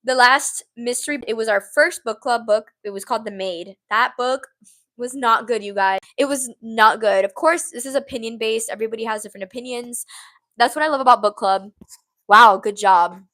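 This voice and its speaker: A woman in her twenties, at home with a small handheld mini mic, hosts a relaxed podcast-like livestream while reading live comments. She's bubbly, giggly, and rambling, dropping "like" often, and her fairly high voice has a sharp tone at a moderate pace.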